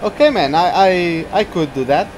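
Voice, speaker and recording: Animated and high-voiced, a young Portuguese man streams a racing game at normal speed. He's talkative, reads out viewers' names, and reacts to the race amid slight background noise.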